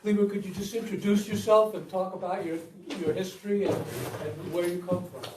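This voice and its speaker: High-voiced man asking polite questions. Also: fairly even intonation, normal speed, background noise. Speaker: board member. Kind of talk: meeting remarks. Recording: echoey room from far off.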